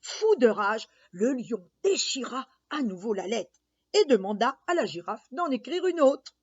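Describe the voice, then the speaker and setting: Slow expressive woman reading a children's story. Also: fairly high pitch, breathy edge. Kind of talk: children's story read aloud. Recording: dull lo-fi sound.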